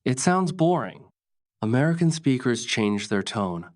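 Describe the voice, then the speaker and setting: A man's voice: mid-range voice, very animated, measured pace. A man narrating a scripted English accent lesson in short, plain, instructive sentences. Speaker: English teacher.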